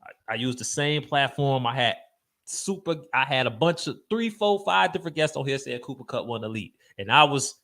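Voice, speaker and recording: Male podcast host, young adult, head cold and stuffy nose, bright forceful tone, loose emphatic sports rant. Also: mid-range voice, expressive, moderate pace, a little hiss or hum. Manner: loose, emphatic slang-heavy rant with frequent fillers. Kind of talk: casual sports talk.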